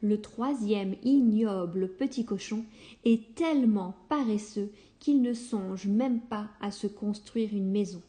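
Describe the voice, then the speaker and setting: A woman reads a children's story aloud at a slow, unhurried pace. Her voice is mellow and soft-edged, and her delivery is calm. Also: medium pitch.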